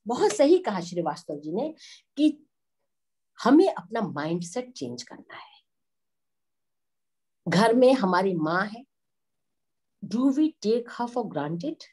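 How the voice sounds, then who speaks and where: A woman's voice: on the high side, darkish tone. A middle-aged woman from India giving an earnest public speech at a women's day event, slipping English phrases into her talk.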